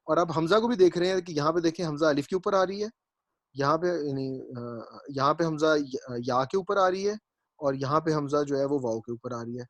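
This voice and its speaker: A man gives a classroom lecture on Arabic grammar, explaining step by step, repeating his points and constantly checking his students understand. His voice is a little high, and the recording is dry.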